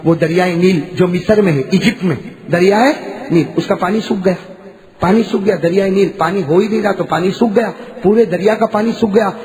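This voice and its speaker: A man preaching a storytelling sermon, swinging from quiet talk to loud shouting and calling on the audience to answer. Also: high-pitched, brisk, long reverb tail. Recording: noisy live sermon recording.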